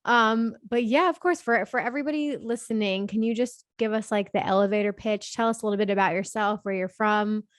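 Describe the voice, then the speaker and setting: A woman's voice: mid-range voice, a little fast, hardly any pauses, no room sound, clean studio sound. A woman hosting a podcast interview, bubbly and enthusiastic, talking casually with lots of fillers. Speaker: podcast host.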